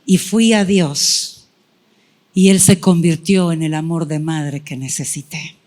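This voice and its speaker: A woman's voice: low voice, steady tone, slow, darkish tone. A middle-aged woman preacher giving a sermon testimony, telling her story with feeling and acting out her own past prayers.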